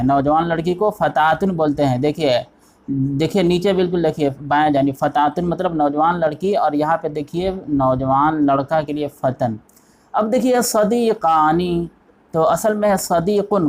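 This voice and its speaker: A man's voice: a little high, darkish tone. A man teaching an online textbook lesson, patiently explaining step by step and repeating each word while quizzing the listener. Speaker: Arabic teacher.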